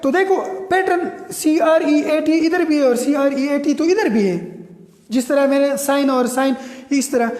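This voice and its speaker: Male pronunciation teacher, high mellow voice, drills words with questions; long hall-like reverb. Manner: repeats words and asks the class rhetorical questions. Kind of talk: classroom lecture. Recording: echoey room with long reverb.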